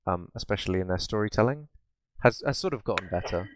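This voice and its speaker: A man co-hosts a podcast, chatting casually about films and games in an opinionated, informal way with plenty of swearing. His voice is on the low side, animated and fast, with a little hiss or hum in the recording.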